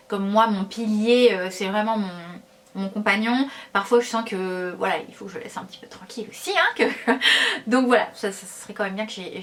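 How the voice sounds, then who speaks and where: A woman vlogger talking casually to her viewers, chatty and hesitant, with many fillers. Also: medium pitch. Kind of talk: casual talk to camera.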